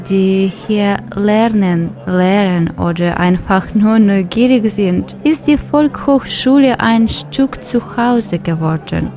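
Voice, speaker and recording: A woman from Ukraine, a German speaker, reading a radio news report in a careful, deliberate way. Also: mid-range voice, warm tone.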